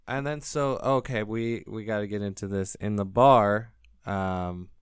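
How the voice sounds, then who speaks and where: A man's voice: on the low side, fairly even intonation, measured pace, smooth, dry recording, clean studio sound. A young man co-hosting a podcast, chatting casually in a laid-back way with plenty of ums and likes. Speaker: podcast co-host. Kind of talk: casual movie review chat.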